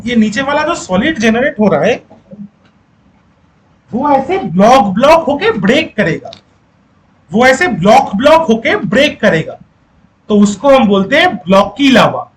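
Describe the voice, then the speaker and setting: A man's voice: extremely high pitch, sing-song, measured pace, pauses often, a little hiss or hum, poor audio. A male teacher giving a lecture who repeats key points, quizzes the class and coaxes students to speak up.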